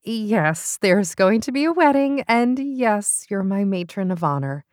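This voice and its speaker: A woman voicing a calm, easygoing young woman with a light manner. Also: mid-range voice, a little slow, heavy background noise, voice pushed up. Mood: happy.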